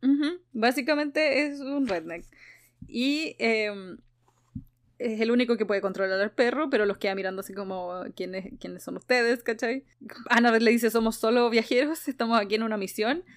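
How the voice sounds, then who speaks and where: A woman's voice: on the high side, normal speed. A woman with a Chilean accent hosting a casual podcast chat, recapping a book with lots of laughter and acted-out quotes. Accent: Chilean Spanish. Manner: lively, laughs often, acts out quoted lines. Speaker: podcast host.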